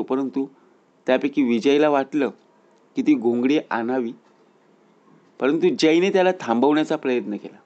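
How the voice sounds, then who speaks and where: A man's voice: darkish tone, lo-fi sound. A man telling a moral story in an earnest, rising storyteller's manner. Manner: earnest storyteller, rises in pitch and volume at tense moments.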